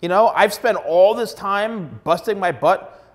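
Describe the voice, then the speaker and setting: A man's voice: sits high, unhurried. A middle-aged man, a hairstylist, giving blunt, emphatic advice straight to camera on a lapel mic. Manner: emphatic, blunt, repeats words for stress. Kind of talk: direct-to-camera advice vlog. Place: plain studio backdrop indoors.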